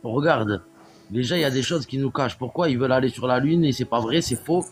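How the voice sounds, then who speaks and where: Call participant, male, rapid and pushy, faint noise behind. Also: mid-range voice. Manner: fast, insistent, stumbling restarts. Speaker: participant in online discussion. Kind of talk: casual online call chat.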